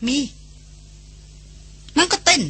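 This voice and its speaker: A woman's voice: drawn-out words, bright, forceful tone. A woman voicing a cold-blooded young woman who answers in a cool, mocking manner.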